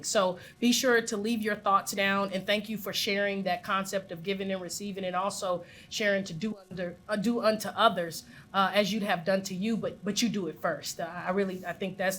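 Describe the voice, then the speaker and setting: This woman's mid-range voice has a fairly bright tone. She's running a community meeting live on a handheld mic in a big room full of people, cheerfully encouraging them to speak up and share.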